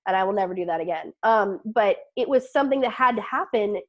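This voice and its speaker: A woman's voice: medium pitch, lively intonation, fast talker, highs cut off. A middle-aged woman, a business owner and podcast guest, chatting casually and acting out little quoted lines with laughs. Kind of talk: casual interview chat.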